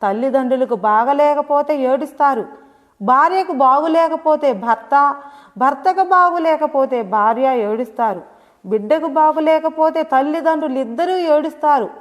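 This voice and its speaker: A woman reading a devotional discourse as a spiritual teacher, explaining gently and addressing the listener directly. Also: sits high, moderate pace. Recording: long hall reverb.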